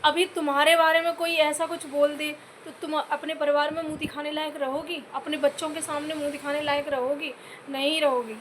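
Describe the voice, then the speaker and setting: A woman YouTube vlogger from Uttar Pradesh, India, with a high voice, rants straight to camera, scolding her audience and calling them "bhai" again and again. She speaks in a level tone, a little fast and a bit bright, and earnestly pleads for comments. There's slight background noise.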